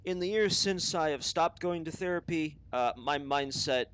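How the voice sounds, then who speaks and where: On a rough recording with a little hiss or hum, a man on the high side speaks at normal speed in a fairly bright tone. As a podcast host sharing unscripted opinions, he rambles, swears, interrupts himself and goes off on tangents.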